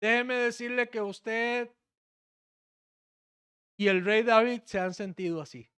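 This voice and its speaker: A man's voice: very high-pitched, slow, fairly bright tone, smooth. A Costa Rican man, a pastor, giving an impassioned sermon in a church and putting questions to the congregation. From Costa Rica.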